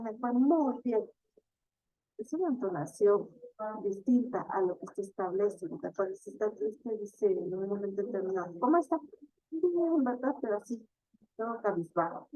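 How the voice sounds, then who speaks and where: A woman teacher giving a classroom lecture, explaining slowly, stretching example words and often asking the class "¿verdad?". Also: mid-range voice, warm tone, no echo, rough recording.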